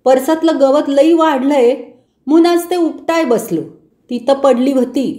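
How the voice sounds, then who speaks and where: A woman voicing an eager male gardener with a who calls out loudly. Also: sits high, measured pace. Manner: loud, calling out in country speech. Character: rustic old male gardener, eager and loud. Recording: roomy echo.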